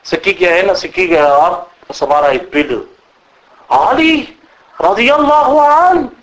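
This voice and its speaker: A man's voice: fairly high pitch, a bit bright, low-quality recording. A man giving a religious lecture, telling stories animatedly and often asking his listeners rhetorical questions. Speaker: preacher.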